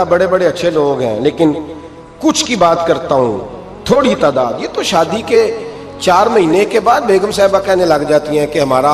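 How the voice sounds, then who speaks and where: A male preacher delivers an emphatic sermon, his fairly high voice jumping higher still as he plays out the figures in his stories. He is recorded in a long, echoing hall with faint music underneath. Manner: emphatic, rises sharply when acting out quoted speech. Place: mosque.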